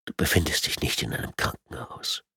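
Man whispering as a calm sadistic torturer. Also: no room sound, clean studio sound, close to an everyday voice. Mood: quiet menace. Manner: soft, menacing whisper, slow and deliberate. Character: calm sadistic male torturer posing as surgeon.

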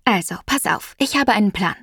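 A woman voicing an excitable teenage girl, the narrator's clever best friend, who lays out plans eagerly and a little breathlessly. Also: mid-range voice, a little fast, husky, no echo, clean studio sound.

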